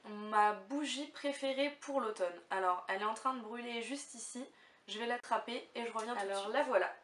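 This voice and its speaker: A woman's voice: on the high side, fairly even intonation, fast talker, fairly bright tone. A young woman vlogging casually to camera, chatty and hesitant, with lots of fillers. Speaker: beauty vlogger. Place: room at home. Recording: echoey room, mic far off, faint hiss.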